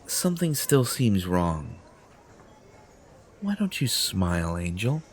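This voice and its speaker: The clip is an audio roleplay in which a man, speaking to the listener, plays a smug, possessive, entitled superhero, coaxing and condescending with pompous self-satisfaction. He adopts a full character voice that sits low and sing-song at a slow pace, with a little hiss or hum.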